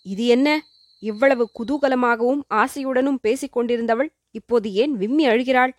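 A woman's voice: fairly high pitch, moderate pace, dry recording, studio quality, lightly acted. A woman voicing an angry old king, a vengeful father muttering to himself, in a storybook reading. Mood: seething.

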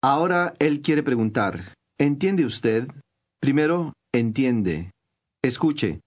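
A man reading scripted instructions for a language course, clear and measured. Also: mid-range voice, big pitch swings.

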